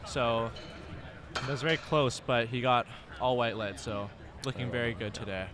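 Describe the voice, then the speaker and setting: A man giving live commentary at a powerlifting meet, shouting encouragement during the lifts. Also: medium pitch, steady tone, moderate pace. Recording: loud crowd and noise in venue.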